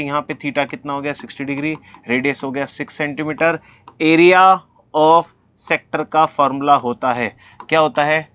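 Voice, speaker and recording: A man teaching maths, solving textbook problems step by step, asking his own questions and answering them in a relaxed, encouraging way. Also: a little high, dull audio. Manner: relaxed, encouraging, talks straight to students, asks and answers himself; reads formulas and English sums slowly, word by word.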